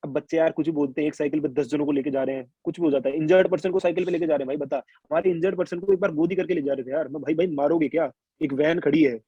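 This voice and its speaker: A man's voice: on the high side, steady tone, rapid-fire, mellow, husky, dry recording, muffled recording. A young man from India telling his exam experiences in a chatty, colloquial way, full of restarts and quoted asides. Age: young adult. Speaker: interviewee sharing exam experience. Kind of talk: casual conversational storytelling.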